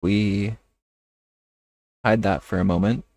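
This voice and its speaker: A man chatting casually on a livestream while playing a game, talking in a hesitant, halting way. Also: lowish voice, steady tone, vocal fry, a little mellow, dry recording. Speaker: streamer. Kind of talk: casual livestream chat over gameplay.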